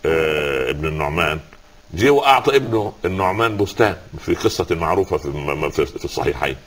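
Husky low-voiced Egyptian scholar. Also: male voice, animated, fast talker. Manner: rhetorical questions, quotes scripture. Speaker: Islamic scholar guest. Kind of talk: religious talk with storytelling.

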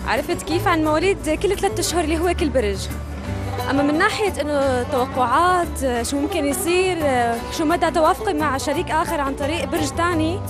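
A woman answers a street interview in an opinionated way. She talks very fast in a high voice. Music plays clearly underneath.

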